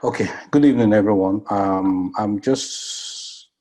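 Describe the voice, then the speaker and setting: A man speaking as a guest on a video call, with a very low, husky voice. He talks haltingly and fills his pauses with many ums. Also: dark tone.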